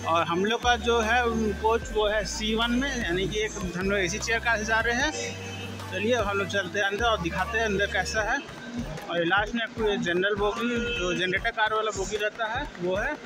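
A young man with a fairly high voice narrates a train trip into a phone held at arm's length. He talks in a chatty, step-by-step way, and loud music plays under his voice. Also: fairly even intonation, normal speed. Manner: chatty, explains step by step with many fillers. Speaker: travel vlogger. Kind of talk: casual travel vlog narration. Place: on a train and station platforms, indoors and out. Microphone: phone camera at arm's length.

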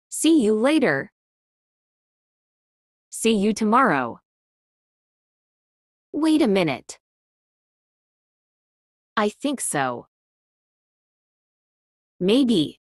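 A woman reading short English phrases slowly and clearly for beginners, with long pauses between them. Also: on the high side, no room sound, clean studio sound. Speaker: English teacher. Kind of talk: slow phrase drills for learners.

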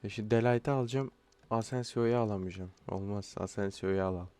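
With a slightly fast delivery and a clean, somewhat mellow voice on the low side, a young YouTuber comments live on his football game. He keeps getting annoyed, snapping out complaints and swearing at his players.

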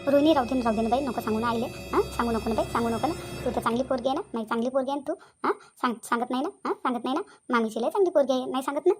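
A woman's voice: sits high, racing, faint music behind, lightly acted. A woman voicing a sly, lazy middle-aged aunt in a cartoon, talking with a Vidarbha Marathi accent in a whiny, pleading way. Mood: coaxing. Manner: whiny, pleading, dialect-heavy. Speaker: cartoon voice actor. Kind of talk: cartoon dialogue.

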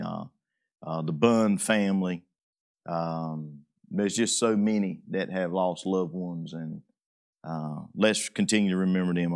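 A Southern American pastor speaking gently from a pulpit mic in a church sanctuary, pausing often with fillers. His voice sits a little low. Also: gravelly. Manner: gentle, halting with many fillers. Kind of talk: leading church prayer requests.

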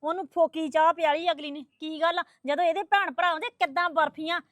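A woman's voice: very high voice, fairly even intonation, fairly quick, a bit bright, no room sound. An actress playing a tearful young married woman who pours out complaints about her in-laws in a comedy skit. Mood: aggrieved.

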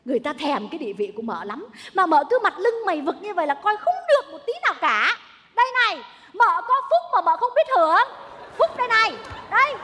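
A woman playing a shrill, domineering old mother-in-law. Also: sing-song, fast talker, pushed and bright, heavily acted. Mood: doting. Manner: scolding, nagging, wailing. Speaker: comedy stage actor. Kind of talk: stage comedy sketch. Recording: stage recording with long hall reverb.

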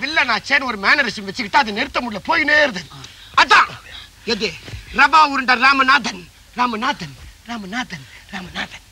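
An actor playing a blustering comic gangster boss in a stage play, bossy and boastful, barking orders and threats. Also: male voice, very high-pitched, lively intonation, normal speed, sharp tone, heavily acted.

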